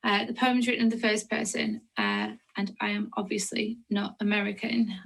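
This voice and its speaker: A woman's voice: medium pitch, animated, normal speed, vocal fry, fairly bright tone, breathy edge, rough recording. A woman from England with a Lancashire accent, a poet introducing and reading her own work. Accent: Lancashire English. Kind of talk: poetry reading with spoken introduction.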